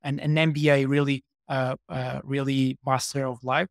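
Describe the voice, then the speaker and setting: A man's voice: mid-range voice, little pitch movement, moderate pace, gravelly, no echo, studio quality. A man in his thirties from Portugal, a startup co-founder, chatting as a podcast guest with many fillers and restarts. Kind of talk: casual interview talk.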